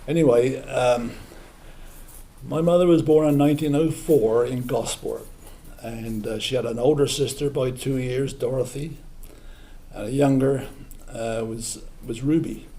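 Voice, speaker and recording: An older Englishman with a mellow, dark voice tells a personal story to a live audience. He talks haltingly, with many fillers and chatty asides. It sounds like a small museum event room. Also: medium pitch, steady tone. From England.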